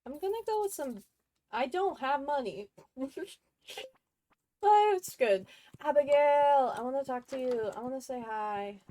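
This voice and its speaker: A woman streamer chatting casually while gaming, expressive and laughing often. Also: sits high, moderate pace, low-quality recording.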